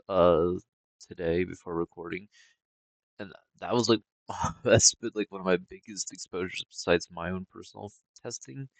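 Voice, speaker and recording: A man's voice: low-pitched, creaky, no room sound. A man casually reviewing game cards, rambling with lots of fillers in a laid-back way. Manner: rambling, heavy on fillers and hedges; laid-back, sometimes yawning.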